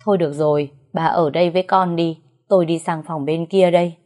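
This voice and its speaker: A woman voicing a stern aging father who lectures his grown daughter in a firm, slow, measured way. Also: fairly low pitch, steady tone, dark tone, natural voice. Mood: resigned.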